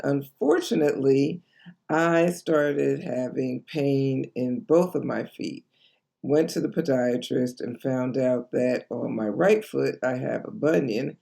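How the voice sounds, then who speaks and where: Slow, gravelly woman in her sixties. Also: very deep voice, warm tone. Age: 60s. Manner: earnest, encouraging, slow and deliberate. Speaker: life coach. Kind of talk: direct-to-camera vlog.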